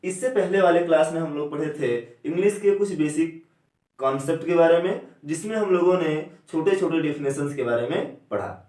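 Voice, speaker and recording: A man teaching an English pronunciation lesson. He keeps asking questions and answering them himself, and he slows down to spell out vowel sounds. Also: on the high side, a little mellow. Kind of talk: classroom lecture. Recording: echoey room, a bit far from the mic.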